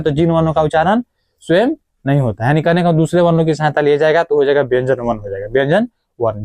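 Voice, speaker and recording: A man's voice: a little high, darkish tone, dry recording. Man teaching grammar, asking and answering himself. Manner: asks questions and answers them himself, repeats key points; casual, addresses viewers as friends and brother. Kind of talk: exam-prep grammar lesson.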